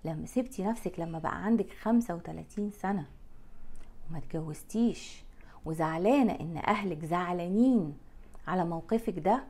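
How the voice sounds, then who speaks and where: A woman in her forties with an Egyptian Arabic accent, talking straight to camera in a frank, blunt way as a life coach, recorded on a lapel mic in a bright room. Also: on the low side, a little fast.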